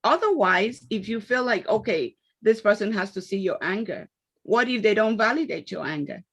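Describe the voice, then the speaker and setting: A woman speaking on an online panel, answering a question in an animated storytelling way and acting out quoted exchanges. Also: mid-range voice, moderate pace, husky, highs cut off.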